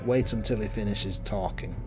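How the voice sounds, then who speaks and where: A man's voice: on the low side, moderate pace. A man giving casual, dry and sardonic video game commentary with hesitant asides. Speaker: video game let's player. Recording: game music behind.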